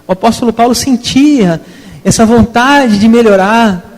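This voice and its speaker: Brazilian guy teaching a bible class, chatty, keeps asking the room questions, sounds kinda high, echoey hall. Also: unhurried. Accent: Brazilian Portuguese. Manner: conversational, asks the class questions, frequent tag questions. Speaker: theology teacher. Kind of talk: evening class lecture. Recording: long hall reverb.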